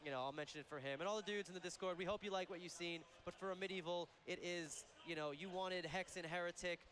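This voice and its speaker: Fast-talking, high-pitched man demoing a game. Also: fairly even intonation, fairly bright tone. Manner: chatty, jokey, enthusiastic. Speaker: game developer presenting a demo. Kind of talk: live gameplay demo commentary, casual. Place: live convention stream.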